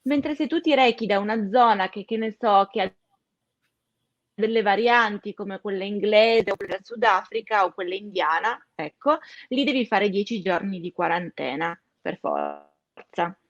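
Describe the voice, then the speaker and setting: A woman's voice: mid-range voice, moderate pace, dry recording, dull audio. A woman giving an informal explanatory news update, speaking emphatically and stressing her key words.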